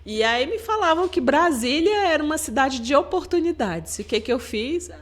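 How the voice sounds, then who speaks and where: A woman's voice: high voice, expressive, normal speed. Middle-aged woman from Maranhão, Brazil; earnest interview guest, storytelling manner. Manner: earnest, storytelling, frequent "né?" tags. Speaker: guest, government agency head. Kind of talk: podcast interview.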